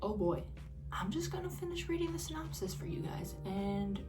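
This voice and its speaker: A woman's voice: mid-range voice, big pitch swings, moderate pace. A young woman giving casual vlog commentary on a film, candid and chatty with comic exaggeration. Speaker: film reviewer. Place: decorated room at home. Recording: distant mic with lofi music behind.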